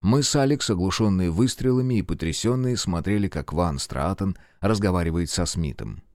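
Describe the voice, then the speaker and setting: A man narrating an audiobook with steady, measured storytelling. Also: low-pitched, no room sound, studio quality. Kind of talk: scripted narration.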